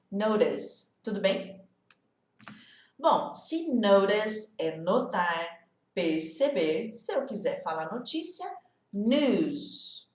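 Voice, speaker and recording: A woman's voice: medium pitch, echoey room. Chatty Brazilian woman teaching English. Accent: Brazilian Portuguese. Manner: chatty and encouraging, checks in with "tá?" and "tudo bem?". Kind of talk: casual online English lesson.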